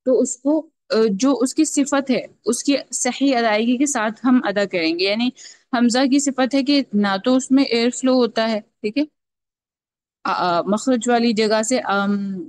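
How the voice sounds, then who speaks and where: A woman teaching a Quran recitation class, explaining patiently step by step and slowly drawing out sounds to demonstrate them. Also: fairly high pitch, a little mellow, no room sound. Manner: checks in often with a repeated "okay". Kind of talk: online tajweed lesson.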